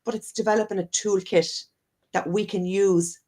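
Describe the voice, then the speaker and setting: A dark-toned, mid-range voice at normal speed with fairly even intonation belongs to an Irish woman. As a wellness coach guesting on a live-streamed video call interview, she speaks earnestly and at length, meandering and often correcting herself.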